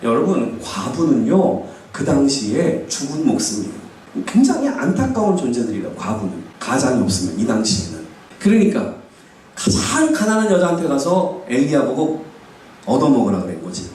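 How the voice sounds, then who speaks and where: A man's voice: mid-range voice, huge pitch swings, normal speed, darkish tone, slight background noise. A male pastor preaching a sermon, asking the congregation questions and acting out quoted speech. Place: church sanctuary. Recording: echoey church hall, distant mic.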